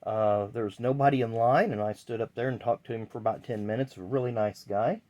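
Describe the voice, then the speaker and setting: A man's voice: mid-range voice, steady tone, brisk, mellow, highs cut off. A man hosting a casual card-collecting vlog, talking in a chatty, rambling way with fillers. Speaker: channel host.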